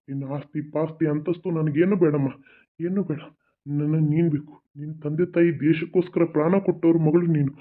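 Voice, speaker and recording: Brief: a man playing a begging, repentant father-in-law; high voice, tinny recording. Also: lightly acted. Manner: pleading, remorseful.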